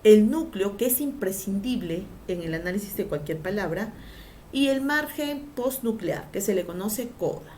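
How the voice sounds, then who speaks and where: A woman's voice: medium pitch, expressive, normal speed, mellow, slight background noise. A woman teacher giving a grammar lesson, drawing out syllables for emphasis and asking the class questions before answering them herself.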